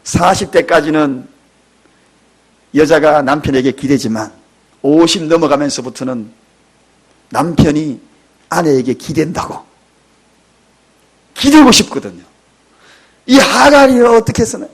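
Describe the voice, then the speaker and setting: A man in his fifties, a pastor preaching a sermon in a church, dramatic and emotional, with sudden loud outbursts and tearful cries. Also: fairly high pitch, lively intonation, unhurried, pauses often, husky. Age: 50s. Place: church sanctuary.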